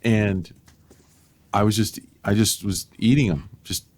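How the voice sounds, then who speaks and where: A middle-aged man co-hosting a podcast, telling stories in a lively, casual way and laughing at his own tales. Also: fairly low pitch, a little slow, a little hiss or hum. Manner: animated storyteller, laughs at own tales, many restarts. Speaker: podcast co-host. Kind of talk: casual storytelling chat.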